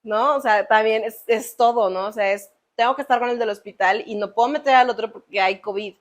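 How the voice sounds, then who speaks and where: Animated Mexican woman telling a story. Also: on the high side, a little fast. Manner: animated, acts out quoted voices, frequent fillers. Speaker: podcast co-host. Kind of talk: emotional personal storytelling.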